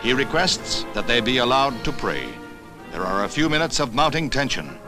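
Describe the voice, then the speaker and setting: An old newsreel voice-over from a male narrator, formal and measured in the classic announcer manner. His voice sits at an ordinary middle pitch for a man. A music score plays clearly beneath him. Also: big pitch swings. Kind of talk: scripted 1960s newsreel narration. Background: music score under the narration.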